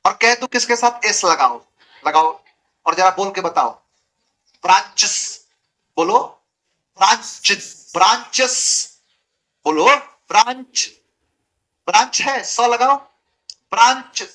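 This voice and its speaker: Bright and forceful, with a high pitch and lively intonation, this man teaches English grammar in Hindi at an unhurried pace with long pauses. He drills letter sounds through repetition and quizzes the class.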